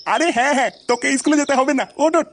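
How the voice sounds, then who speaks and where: A man's voice: extremely high pitch, fast talker, a bit bright, slight background noise. A man doing a crude joking cartoon dad. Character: crude easygoing cartoon father. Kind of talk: comic cartoon voice acting.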